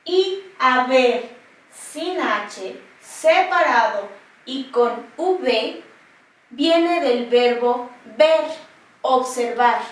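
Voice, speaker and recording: Slow high-voiced woman teaching spelling. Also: fairly bright tone. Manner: slow, deliberate dictation-like delivery. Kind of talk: slow scripted lesson narration. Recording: echoey, from far off the mic.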